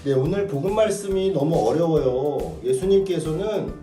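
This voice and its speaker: A man, a priest, reads a gospel passage slowly and solemnly, then talks gently to children. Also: fairly high pitch, expressive, echoey room, recorded from a distance, faint music behind. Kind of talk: gospel reading and children's homily.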